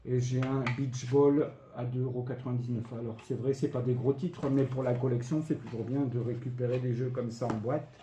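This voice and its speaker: Man, casual collector vlog, mellow tone, lots of ums, roomy echo, faint noise. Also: medium pitch, fairly even intonation, a little fast, few pauses. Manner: chatty, lists items and prices with many fillers. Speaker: retro game collector vlogger. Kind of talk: casual show-and-tell of purchases. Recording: echoey room, faint background noise.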